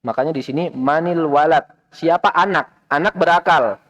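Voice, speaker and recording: A man's voice: fairly high pitch, normal speed, fairly bright tone, muffled recording. A man with an Indonesian accent, teaching an Arabic class in a mosque and patiently questioning his students.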